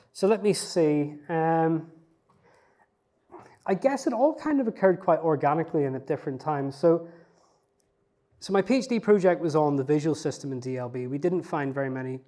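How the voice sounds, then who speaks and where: This man, who is not from Newcastle, is a researcher responding to interview questions in a thoughtful, modest way, often restarting and using fillers. His voice sits a little high, with a darkish tone.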